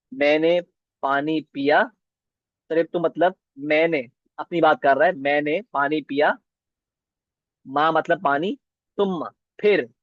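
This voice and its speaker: A man with a fairly high voice teaches a beginner Arabic lesson, going slowly, repeating each word and checking in with "ठीक है?" as he goes. The sound is dull, dry and lo-fi, with no echo.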